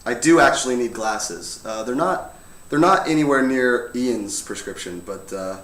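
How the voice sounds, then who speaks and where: A young man chatting casually on a livestream, answering fan questions with a relaxed manner, often laughing and letting his sentences trail off softly. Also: mid-range voice, normal speed, distant mic. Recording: roomy, off-mic with faint hum.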